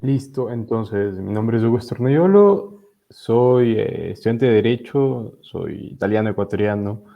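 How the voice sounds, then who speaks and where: A young Ecuadorian law student explains politics as a guest in a casual interview, hesitant and full of fillers. His fairly low voice has vocal fry and lively intonation at an unhurried pace, heard over a video call with dull lo-fi audio.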